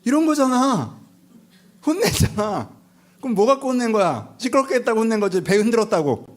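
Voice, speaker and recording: A male pastor giving a lively, conversational sermon, telling the story with rhetorical questions and acting out the people in it. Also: extremely high pitch, a little fast. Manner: animated storytelling, acts out disciples and Jesus, rhetorical questions. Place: church sanctuary.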